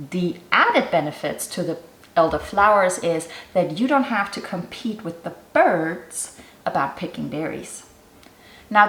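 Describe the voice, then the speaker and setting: A woman's voice: fairly low pitch, roomy sound, poor audio. A middle-aged woman from Germany hosting a cooking channel, explaining a recipe step by step in a casual, chatty way. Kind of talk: casual how-to vlog narration.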